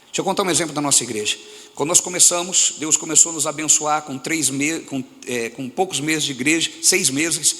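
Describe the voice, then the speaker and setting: Forceful Brazilian preacher in an echoey hall. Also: male voice, a little high, a little fast. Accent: Brazilian Portuguese. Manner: animated preaching that throws questions at the congregation. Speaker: pastor. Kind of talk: sermon. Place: church hall.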